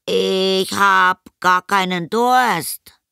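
A woman's voice: mid-range voice, drawn-out words, gravelly, bright, forceful tone, smooth, dry recording, studio quality, voice pushed up, full character voice. A woman voicing a flustered young boy in an audiobook reading, stammering and evasive as he hides a secret. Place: studio.

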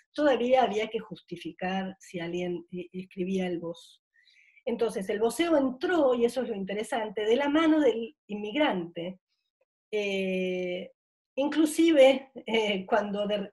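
A middle-aged woman lecturing at an academic conference, her voice sitting at an ordinary middle pitch. She talks thoughtfully and reflectively, stopping often on long fillers while she finds the next phrase. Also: darkish tone. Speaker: university professor.

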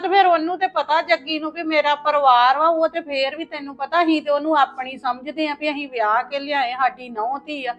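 A woman's voice: high-pitched, lo-fi sound, natural voice. A woman playing a scheming mother who complains to her son about his wife. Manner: complaining, wheedling. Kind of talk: Punjabi family web drama.

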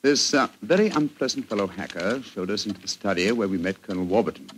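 An actor playing a genial, pompous, bumbling English doctor with a British accent in a 1940s radio drama. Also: male voice, lowish voice, expressive, fast talker, close to an everyday voice. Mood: storytelling. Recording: noisy 1940s radio recording.

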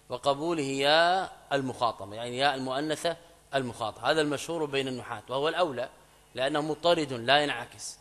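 A man teaching an Arabic grammar lesson in a mosque. He explains step by step, repeats key phrases, asks students checking questions, and reads quoted examples slowly and louder. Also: on the high side. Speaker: Islamic scholar teaching grammar. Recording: long mosque reverb.

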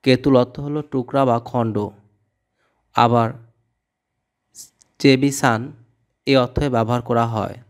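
A man teaching vocabulary, reading each word and its meaning and repeating it in a steady drill. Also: medium pitch, a little slow, long pauses, clean tone. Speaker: language tutor. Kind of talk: scripted vocabulary lesson.

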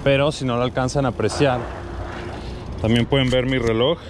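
A Mexican man talks casually to his viewers in a mid-pitched voice as he explores at night. He is outdoors on city streets with an action camera on him. Clear street and vehicle noise runs behind his voice. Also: fairly even intonation, moderate pace. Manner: addresses viewers as friends, sprinkles in English swearing. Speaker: vlogger. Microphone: action camera worn on the body. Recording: noisy outdoor street and traffic ambience.

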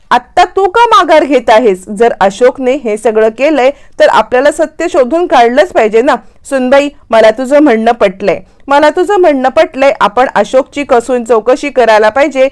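A stern elderly patriarch who lectures and scolds his family with firmness, spoken by a woman retelling the scene. The voice sits a little high, and the delivery stays plain and firm.

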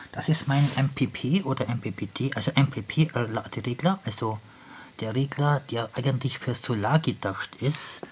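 A man giving casual commentary on his hands-on experiments, halting and thinking aloud, often repeating and rephrasing himself, recorded indoors on a handheld camera. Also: mid-range voice, a little hiss or hum. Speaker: hobby tinkerer presenting experiments.

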